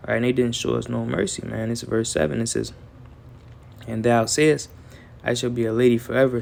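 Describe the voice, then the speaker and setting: Gravelly man preaching casually. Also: mid-range voice, a little hiss or hum. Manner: casual street talk, tags lines with "man" and "right"; reads verses aloud in a slow deliberate cadence. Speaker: scripture teacher. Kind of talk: informal Bible study reading and commentary.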